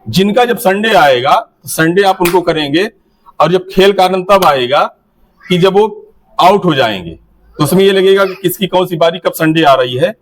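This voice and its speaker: Male teacher trainer with a fairly high voice, coaching a group through a game, directive and instructive. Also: expressive, normal speed, slight background noise. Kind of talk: classroom activity instruction.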